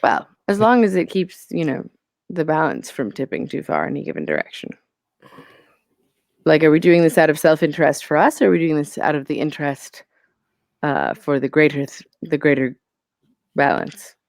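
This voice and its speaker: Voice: mid-range voice, big pitch swings, normal speed, gravelly, no echo, studio quality. A player voicing a pissy, mischievous deity of balance in a tabletop game, in a casual, wry manner. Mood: grudging, wry.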